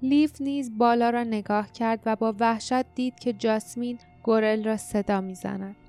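A woman narrating a fantasy audiobook in a steady, dramatic storytelling manner. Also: on the high side, soft background music. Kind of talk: scripted narration.

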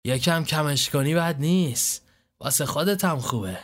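A man's voice: fairly high pitch, fairly bright tone, voice pushed up, lightly acted. A man voicing a cocky young male gang member who talks in flippant, joking banter.

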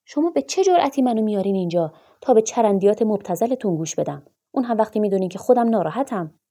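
Storybook: woman doing an enraged, proud male doctor; yelling, husky, loud. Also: medium pitch, lively intonation. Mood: furious, shouting. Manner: shouting angry tirades. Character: furious grieving male doctor, bitter and proud.

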